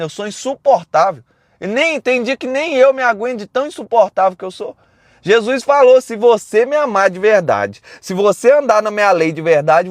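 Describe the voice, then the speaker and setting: Loud, blunt preacher with a high voice. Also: male voice, dry recording, studio quality. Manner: loud and blunt, talks straight to viewers. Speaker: live stream preacher. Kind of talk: casual preaching on a live stream.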